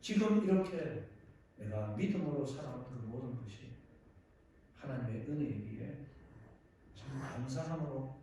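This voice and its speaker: A male pastor preaching earnestly in a church sanctuary, swinging between loud exclamation and quiet reflection. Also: medium pitch, animated, a little slow, pauses often, slight background noise. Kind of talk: sermon. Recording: echoey hall, distant mic.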